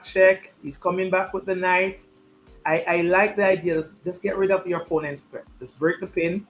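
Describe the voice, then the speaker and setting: A man's voice: a little high, a bit bright. A man giving live chess commentary and chatting, repeating his key points for emphasis.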